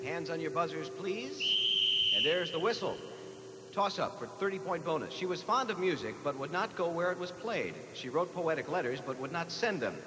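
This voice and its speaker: Reading questions aloud to contestants, an American quiz show host uses a voice on the high side with lively intonation at normal speed. The live broadcast is old and noisy, recorded in an echoey hall.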